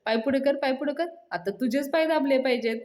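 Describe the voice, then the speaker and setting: Woman voicing a young college man, childish and pleading, higher voice, roomy sound. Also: a little fast, darkish tone, close to an everyday voice. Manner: pleading, whiny.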